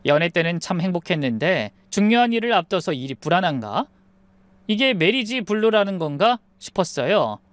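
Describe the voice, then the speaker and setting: A woman's voice: on the low side, no echo. A young woman telling her own story in the first person, confiding and reflective.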